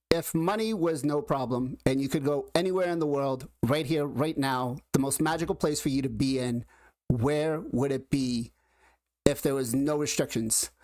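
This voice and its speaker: A man hosting a casual livestream, introducing guests with drawn-out hype and asking chat questions. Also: fairly high pitch, a little mellow, no room sound. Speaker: host.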